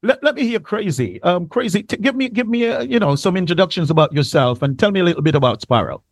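A man hosting a talk program, introducing segments and inviting his guests to speak in a relaxed, chatty manner. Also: high voice, quick pace, no echo. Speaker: host. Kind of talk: casual talk show hosting.

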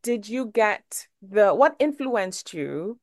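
A woman's voice: medium pitch, very animated, slow pace, no echo, studio quality. A woman from Trinidad hosting an interview show, asking questions in a chatty, friendly way. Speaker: show host.

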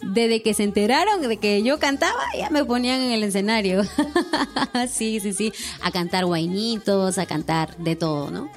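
A woman's voice: mid-range voice, animated, measured pace, soft background music. A young woman from Lima with a Peruvian accent, a singer chatting as an interview guest, laughing often and ending phrases with tag questions. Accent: Peruvian Spanish, Lima. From Peru, born in Lima. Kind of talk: casual interview chat.

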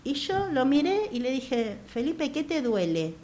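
A woman in her sixties with an Argentine accent, speaking earnestly as a radio interview guest, repeating phrases and pausing to hesitate. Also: high voice, very animated, noisy background. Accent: Argentine Spanish. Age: 60s. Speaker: guest, activist for older women.

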